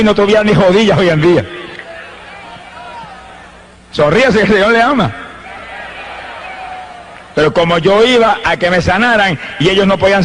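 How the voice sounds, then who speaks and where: A man's voice: high voice, a bit bright, poor audio. A man from Rico, an evangelist giving a fervent sermon testimony and breaking into praises. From Puerto Rico.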